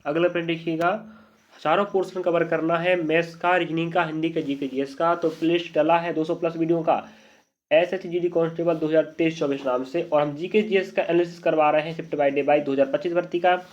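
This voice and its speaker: A man's voice: on the high side, fairly even intonation, a little fast. A man teaching an exam-prep spelling lesson, checking often that his students follow. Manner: repeated checking questions to students. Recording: dull lo-fi audio.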